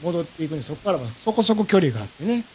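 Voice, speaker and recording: A man's voice: a little high, rapid-fire, slight background noise. A man with a Kansai accent, hosting a podcast and animatedly telling a travel story, acting out the lines of the people in it. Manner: animated, acts out his own and others' lines. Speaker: podcast host. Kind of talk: casual storytelling chat.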